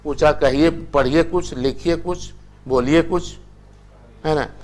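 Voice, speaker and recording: A man's voice: on the high side, a little slow, darkish tone. Older man teaching a chatty lecture. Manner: chatty, anecdotal, tells stories with acted quotes. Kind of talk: classroom lecture.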